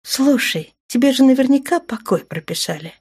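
A woman reading as a fiery young woman commander, sharp and clipped, raising her voice a notch as she scolds. The delivery is brisk and a little tense, an audiobook heroine who does not hide her worry. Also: high-pitched, lively intonation, breathy edge, pitched above the performer's own voice, exaggerated voice. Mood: scolding. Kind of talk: audiobook character voicing.

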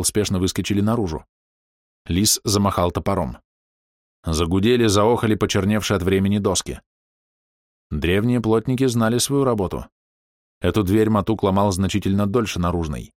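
A man narrating a fantasy audiobook in a steady, even storytelling manner, close to the mic. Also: deep voice, fairly quick, no echo.

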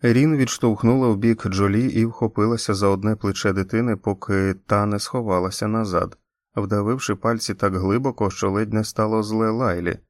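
A man narrating an audiobook in a steady, measured reading. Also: on the low side, no room sound, studio quality. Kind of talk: scripted narration.

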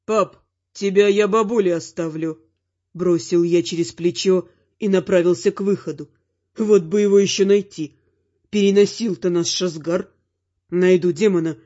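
A man with a notably high voice narrating a first-person fantasy audiobook. He keeps an even storytelling delivery. The recording sounds dull and lo-fi.

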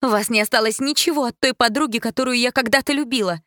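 A woman's voice: fairly high pitch, quick pace, sharp tone, dry recording, studio quality, pitched above the performer's own voice. Woman doing a bitter, loyal older friend. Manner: bitter, pleading.

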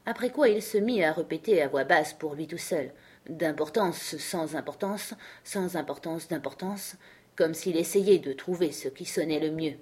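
Lady reading a storybook audiobook, lowish voice, calm. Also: moderate pace, few pauses, breathy edge. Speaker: audiobook narrator. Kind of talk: storybook narration.

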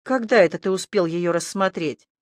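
A prickly young village girl, wary and quick to take offense, voiced by an audiobook narrator. The sound is close and dry, with a middling pitch. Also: dry recording, natural voice. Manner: wary, indignant. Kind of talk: audiobook character voice.

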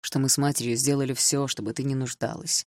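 Stern middle-aged father, lecturing, low voice, dry close sound, a woman doing him. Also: level tone, fast, darkish tone, no echo.

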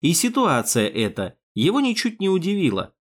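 A man narrating an audiobook chapter in first person with an expressive reading. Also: high-pitched, normal speed. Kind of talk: scripted narration.

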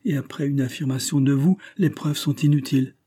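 A man's voice: mid-range voice, steady tone, fairly quick, mellow, husky, pitched above the performer's own voice, lightly acted. A man voicing an eager male servant who spies for his boss and reports to him humbly and at length. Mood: humble. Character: eager, deferential male servant turned spy.

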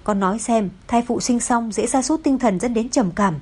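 A woman voicing a gentle but stern older mother-in-law who speaks softly and scolds dryly. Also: on the high side, moderate pace, breathy edge. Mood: scolding. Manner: soft-spoken, scolds dryly.

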